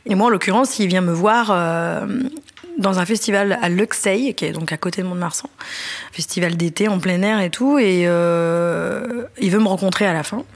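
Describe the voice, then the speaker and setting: A woman in her thirties telling her personal story in an interview, lively and informal. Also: on the low side. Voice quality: lively, informal, fast bursts. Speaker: interviewee, singer.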